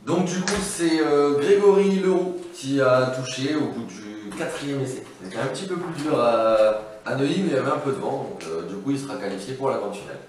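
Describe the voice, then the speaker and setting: Casual male host, stop-start results read, recorded far off in a boomy room. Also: animated, a little fast, hardly any pauses, a little mellow, heavy reverb, slight background noise. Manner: hesitant, many fillers. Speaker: podcast host.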